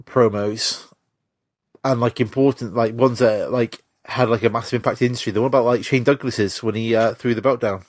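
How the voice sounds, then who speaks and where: A man's voice: mid-range voice, steady tone, fairly quick, dry recording. A man chatting casually about wrestling as a podcast panellist.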